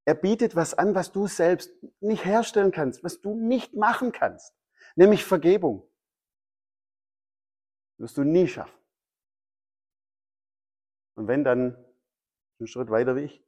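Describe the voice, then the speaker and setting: A man's voice: fairly high pitch, expressive, unhurried, long pauses, a little mellow. A man preaching a sermon, emphatic and fond of repeating his key phrases. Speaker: pastor.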